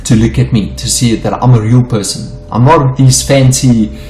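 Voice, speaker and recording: Faint music plays behind a middle-aged South African man, Afrikaans by first language, teaching forex in an unedited chart walkthrough on screen share. He speaks at a moderate pace in a mid-range, darkish voice with fairly even intonation, stumbling and repeating points. The room sounds roomy.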